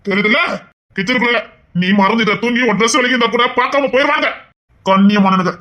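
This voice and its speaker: A man's voice: very high voice, fast, muffled recording. A man in a Tamil drama playing the head of a household who scolds and gives orders. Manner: scolding, domineering. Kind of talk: Tamil serial-style drama acting.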